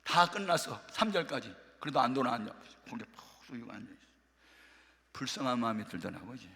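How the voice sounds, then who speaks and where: An older male pastor telling a story in a sermon, acting out the people in it with lively delivery. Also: medium pitch, fairly quick, creaky. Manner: animated, acts out dialogue. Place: prayer retreat worship hall. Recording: reverberant sanctuary sound.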